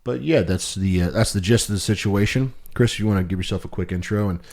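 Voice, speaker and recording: A man's voice: on the low side, quick pace, darkish tone. A man hosting a casual interview podcast in an informal, chummy buddy style. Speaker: host.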